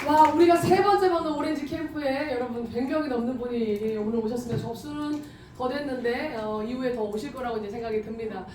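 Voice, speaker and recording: A middle-aged woman hosting a camp event, speaking to a large audience in a lively way and laughing often. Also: on the high side, a little fast, hardly any pauses. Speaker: event host. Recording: echoey hall, distant mic, crowd noise.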